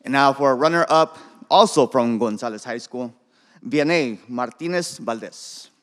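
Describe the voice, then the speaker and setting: A man's voice: mid-range voice, normal speed, fairly bright tone, slight background noise. A man hosting an event, giving brief formal introductions of each contestant. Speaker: event host. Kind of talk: announcing contestants. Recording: long hall reverb.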